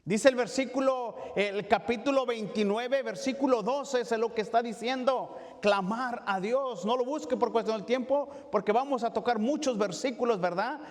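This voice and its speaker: Pastor guy, kinda high voice, halting bible study talk full of fillers, echoey church. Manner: halting, with frequent fillers and restarts, asking "¿verdad?". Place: church sanctuary. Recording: long church reverb.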